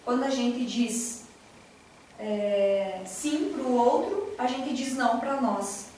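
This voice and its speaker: A woman gives a heartfelt spiritual lecture, mixing personal stories with direct appeals to her listeners. Her voice sits high, and it is caught from a distance in a strongly echoing hall. A faint hiss lies under the whole recording. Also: expressive, takes it slowly, mellow. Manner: earnest, personal storytelling, audience-addressing. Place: large echoey hall, recorded from afar.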